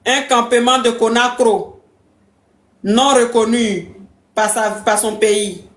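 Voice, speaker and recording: A woman's voice: fairly high pitch, fairly even intonation, slow. A woman playing a brash, imperious coach who mocks callers and threatens to block them on a live stream. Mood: mocking. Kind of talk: comic live-stream parody. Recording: roomy echo.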